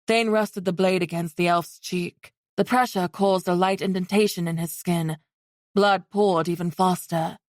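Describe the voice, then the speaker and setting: A woman's voice: on the low side, fairly even intonation, a little slow, no echo, studio quality. Woman narrating a fantasy audiobook. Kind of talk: scripted narration.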